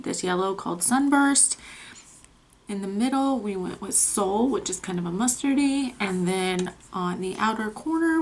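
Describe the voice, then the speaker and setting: A woman beauty vlogger talks through a makeup tutorial in a casual, chatty way, dropping frequent filler words as she reviews a palette. Her voice sits at an ordinary middle pitch. A faint hiss runs underneath. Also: vocal fry.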